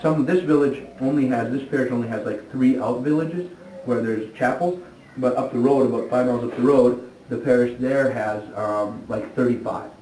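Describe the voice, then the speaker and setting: A man's voice: mid-range voice, normal speed. Casting: man, priest, easygoing explanatory talk, distant mic with a faint hum behind. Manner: relaxed, explanatory, thinking aloud. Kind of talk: casual explanation. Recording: echoey room, distant mic, faint noise.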